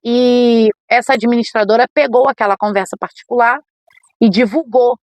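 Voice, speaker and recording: A middle-aged woman, a podcast guest and missionary preacher, telling an emotional personal testimony with animated storytelling. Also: on the high side, normal speed, no room sound. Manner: animated storytelling, acts out quoted voices.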